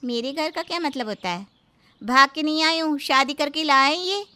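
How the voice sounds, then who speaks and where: A woman's voice: high voice, normal speed, pushed and bright. A woman voicing a put-upon young daughter-in-law who complains and defends herself. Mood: complaining.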